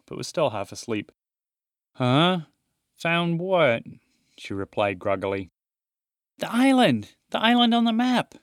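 A man calmly reading a children's storybook aloud. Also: mid-range voice, no room sound, studio quality. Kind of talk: storybook narration.

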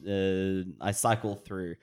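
Man, tabletop player, slightly deep voice, casual, halting fragmented storytelling. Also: steady tone, a little mellow, clean tone. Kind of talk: casual improvised game play.

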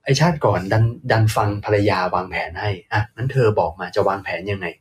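A man, a monk, retelling an old tale in a casual chat with lively asides. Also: on the low side, fairly quick, slightly rough. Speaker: monk storyteller.

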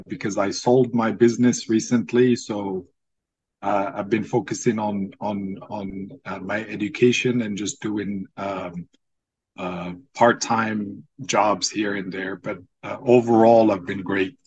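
A man in his forties from Morocco, whose first language is Arabic, speaks as a podcast guest. His voice sits on the low side and he talks very slowly and deliberately, pausing on frequent ums. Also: fairly even intonation, a little mellow, husky, rough recording. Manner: slow and measured, with frequent ums. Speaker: podcast guest, former student. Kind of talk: casual interview.

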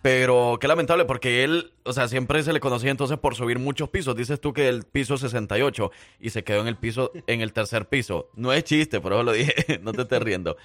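A man co-hosting a radio program, chatting casually and slipping in teasing jokes. His voice sits at an ordinary pitch and comes across dry and close, with no room around it. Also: a little fast, hardly any pauses, fairly bright tone, no room sound. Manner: jokey, teasing asides. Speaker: radio co-host.

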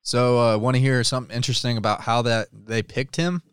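A man's voice: mid-range voice, fairly even intonation, a little fast, clean tone, no room sound, studio quality. A laid-back man co-hosting a casual sports talk show, agreeable and informative.

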